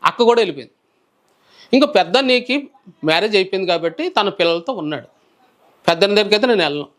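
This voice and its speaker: A man who is a preacher, telling his personal testimony in a calm, soft-spoken way during an interview. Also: high-pitched, fast talker.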